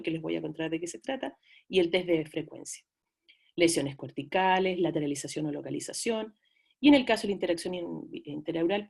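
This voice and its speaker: A woman's voice: lowish voice, vocal fry, darkish tone, slightly rough. Chilean woman lecturing in a chatty way. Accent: Chilean Spanish. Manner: chatty, addresses students as "chiquillos", frequent fillers. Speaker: lecturer in audiology. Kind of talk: online class lecture.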